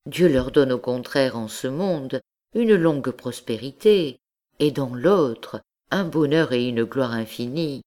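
Une femme faisant la voix d'une marquise condamnée qui se confesse, au phrasé formel et mesuré, dans un livre audio. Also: female voice, a bass voice, animated, a little mellow, exaggerated voice. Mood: solemn. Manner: measured, formal old-fashioned speech. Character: condemned noblewoman confessing, devout and anxious.

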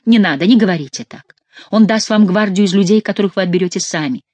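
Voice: mid-range voice, fast, a little mellow, no room sound, close to an everyday voice. A reader voicing an aging queen mother who is imperious yet pleading, in a theatrical audiobook reading. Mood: coaxing.

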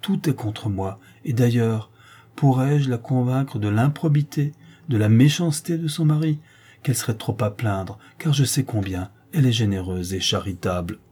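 A man voicing a gentle former convict who talks tenderly and tearfully, pleading and sorrowful. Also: mid-range voice, moderate pace, husky, lightly acted. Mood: resigned.

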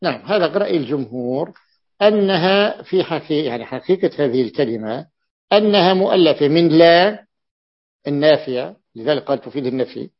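A man teaching a classical grammar lesson as a sheikh, deliberate and repeating key words, with an "ah" between points. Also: fairly high pitch, animated. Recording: muffled lo-fi recording.

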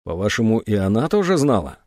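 A man's voice: on the low side, big pitch swings, fairly quick, a little mellow, no echo, studio quality. A man reading aloud, voicing a determined man who takes charge and asks firm questions.

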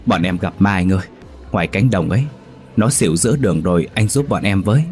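Guy doing a cocky loudmouth village kid, coarse and mocking, low voice. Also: fast talker, soft background music, natural voice. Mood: panicked. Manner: coarse and mocking, then panicked. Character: brash rowdy young village man.

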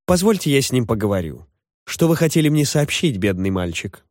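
A man doing a fussy, polite old gentleman. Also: medium pitch, very animated, a little fast, dry recording, clean studio sound, lightly acted. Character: kindly, fussy, easily startled older gentleman.

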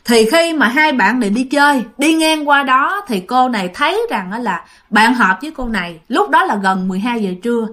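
A woman's voice: fairly high pitch, expressive, normal speed, few pauses, fairly bright tone. Chatty woman telling ghosts. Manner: chatty, informal, addresses listeners directly. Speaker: storyteller. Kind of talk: ghost story narration.

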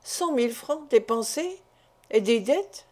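A woman's voice: on the high side, lively intonation, slow, a little mellow. A woman reading as a blunt, worldly old father. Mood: reproachful. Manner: scolding, then coaxing and familiar. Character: wealthy worldly older father, blunt, irritable. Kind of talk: audiobook character reading.

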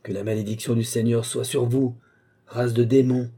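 A man's voice: lowish voice, moderate pace, mellow, slightly rough. A man voicing a stern medieval monk who condemns two feuding lords in a firm, severe voice. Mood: cursing.

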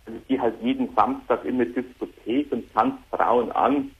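Husky man on a speakerphone. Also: medium pitch, fairly even intonation. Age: 30s. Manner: hesitant, halting, repeats words. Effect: on a speakerphone headset. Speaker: caller. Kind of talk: call-in radio conversation. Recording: dull lo-fi phone line.

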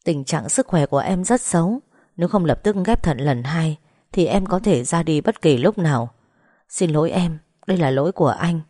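A woman voicing a tender, remorseful young man who pleads gently and apologetically. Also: low-pitched, animated, moderate pace, breathy edge, no room sound, studio quality.

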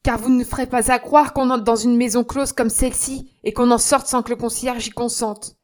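A woman reading aloud voices a stern young man who gives orders and threatens in a loud, commanding tone. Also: a little high, fairly even intonation, moderate pace, voice pushed up, close to an everyday voice. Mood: menacing. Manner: commanding, menacing.

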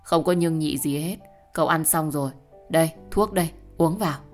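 A woman's voice: sits low, moderate pace, soft background music. A woman voicing a kind young doctor friend who coaxes a patient to eat and rest, in an audio story. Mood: insistent. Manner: warm, coaxing, insistent.

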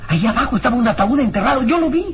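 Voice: mid-range voice, expressive, very fast, dull audio, a crowd in the background, lightly acted. An actor in a radio serial playing an earnest, anxious young boy, a hero's loyal helper, who speaks hesitantly and repeats himself. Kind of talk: radionovela acting. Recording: noisy old radio serial recording.

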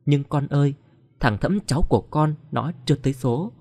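A man's voice: fairly high pitch, moderate pace, darkish tone. A man voicing an older village mother who pleads through grief. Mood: grieving. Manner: choked, pleading.

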